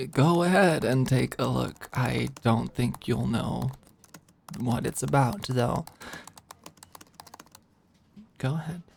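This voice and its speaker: In an intimate ASMR roleplay, a performer of unclear sex plays a flirty, overworked office manager, murmuring in a halting, teasing, affectionate way. The voice is medium-pitched, creaky and darkish, with slight background noise.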